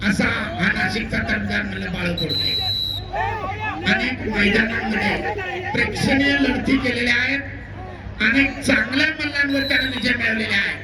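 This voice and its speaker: A man calling a live wrestling match through a loudspeaker PA, energetic, announcing points and warning the wrestlers. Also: extremely high pitch. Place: outdoor wrestling ground. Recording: echoey outdoor PA with loud crowd.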